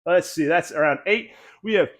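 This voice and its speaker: A man's voice: a little high, moderate pace. Slightly breathless male mobility coach. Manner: coaching while doing the moves, calm and encouraging. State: a little out of breath. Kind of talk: guided exercise instruction.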